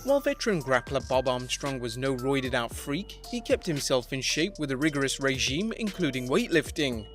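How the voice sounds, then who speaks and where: Male countdown narrator, mid-pitched, even and dry, reading over soft background music. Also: normal speed. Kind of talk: scripted narration. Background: faint background music.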